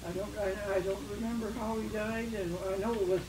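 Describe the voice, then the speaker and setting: An elderly woman rambles and loses her thread in a casual family chat. She is caught on an old VHS home video by a camcorder across the room. The sound is roomy, with loud hiss and kitchen sizzle behind her. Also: mid-range voice, fairly even intonation, distant mic. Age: 80s or older. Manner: halting and wandering, losing her thread. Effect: old home VHS tape sound. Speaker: great-grandmother being interviewed. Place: home kitchen with cooking going on. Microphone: camcorder mic across the room.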